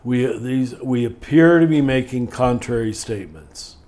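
Older man, reflective podcast talk, measured pace, leans on key words, spiritual teacher. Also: medium pitch, warm tone. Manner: thoughtful, measured, slows down to stress key words.

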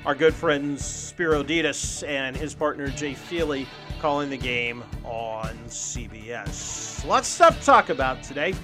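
A man's voice: mid-range voice, lively intonation, measured pace, hardly any pauses, over music. A man hosting a sports show, talking and reading ads energetically in punchy, emphatic short phrases. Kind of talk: energetic sports talk and ad read.

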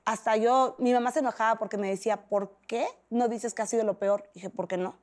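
Woman, Mexican accent, middle-aged, fairly high voice, animated storytelling, podcast guest. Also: fairly quick. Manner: animated, acts out quoted voices. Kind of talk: emotional personal storytelling.

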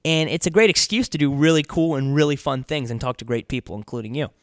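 Relaxed chatty man on studio mic. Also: on the high side, fast talker, no room sound. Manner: relaxed, chatty, laughs easily. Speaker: co-host. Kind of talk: casual radio chat.

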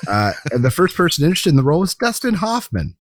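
A fast-talking podcast host with a sing-song voice on the high side chats casually about films, leaning informally on key words. The recording is dry and studio quality.

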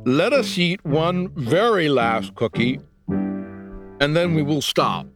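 A man's voice: a little high, expressive, slow, pitched above the performer's own voice. A man voicing a grumpy, mopey male toad in a storybook reading over music. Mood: plaintive.

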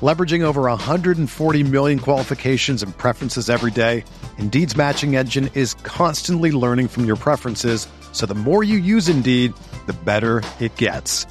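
Casting: man with an average-pitched voice for scripted advert narration over faint music. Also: lively intonation, fairly quick. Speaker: advert announcer.

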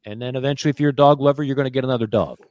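A man co-hosting a sports radio show, telling a long personal story in a casual, animated way. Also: medium pitch, rapid-fire, dry recording, dull audio. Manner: animated storyteller who acts out quoted voices.

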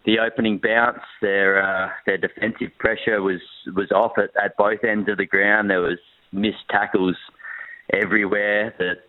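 Man, very low voice, crackly phone line cutting in and out, tinny and dry, frank and hesitant reporter. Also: little pitch movement, no room sound. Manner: frank, measured, with many hesitations. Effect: crackly phone line that cuts in and out. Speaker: newspaper sports reporter. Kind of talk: phone-in football analysis.

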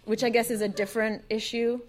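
A woman talking casually as a podcast panelist, animated and emphatic in her delivery. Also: on the high side, fast talker, crowd noise.

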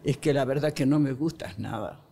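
A woman guest on a podcast, explaining relationship problems in a lively way and acting out bits of dialogue. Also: a bass voice, fairly quick, vocal fry, a little hiss or hum. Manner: animated, acts out quoted dialogue.

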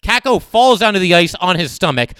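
A man hosting a solo sports podcast, breaking down a play with animated, emphatic talk and frequent fillers. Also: sits high, fairly quick, smooth, dry recording, studio quality.

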